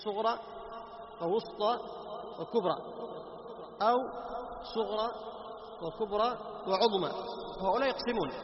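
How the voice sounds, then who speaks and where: A man's voice: high-pitched, moderate pace, pauses often, a crowd in the background. A man teaching a class on Quran recitation, asking his students questions, answering them himself and repeating key phrases. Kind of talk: classroom lecture. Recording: echoey hall with dull lo-fi sound and background noise.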